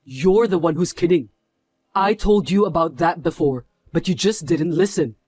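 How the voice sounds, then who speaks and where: A man's voice: a little high, normal speed, darkish tone, dry recording, close to an everyday voice. A man voicing a stern company executive who scolds in a firm manner. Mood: scolding. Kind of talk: voiced story drama.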